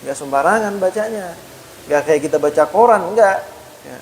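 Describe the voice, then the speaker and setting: A man giving a mosque study lecture, chatty and addressing listeners as sir, saying "ya" after nearly every phrase and slowly demonstrating Arabic letter sounds. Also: sits high, expressive, a little hiss or hum, rough recording. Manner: punctuates phrases with a frequent "ya"; conversational, addresses listeners as "Pak". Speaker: Islamic teacher.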